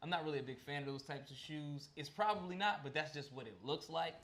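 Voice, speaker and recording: A man's voice: a little high, fast talker, a bit bright, a little hiss or hum. A man co-hosting a podcast, chatting casually and animatedly about basketball, often asking questions. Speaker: podcast co-host. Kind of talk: casual sports chat.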